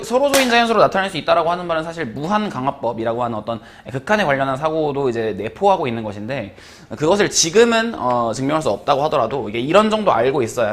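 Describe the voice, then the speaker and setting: A man teaching math in a relaxed, rambling lecture, full of fillers and small chuckles. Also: medium pitch. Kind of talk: casual lecture.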